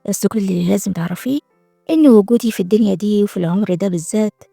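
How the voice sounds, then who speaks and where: A woman voicing a devoted, protective young rich man, speaking low, soft and calm with an Egyptian Arabic accent. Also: very fast, creaky, dry recording, studio quality, faint music behind. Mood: tender.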